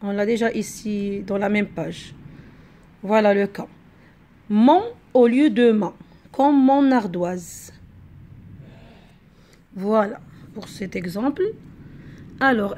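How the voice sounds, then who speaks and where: A woman's voice: mid-range voice, a little mellow, slight background noise. A woman teacher giving a patient grammar lesson to a class, walking through many examples.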